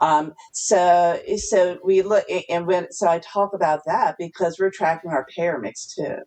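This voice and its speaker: A woman from New Jersey explaining her work as a podcast guest, steady and explanatory with some fillers. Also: on the low side, a little slow, rough recording. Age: older. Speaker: guest, health clinic CEO. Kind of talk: podcast interview.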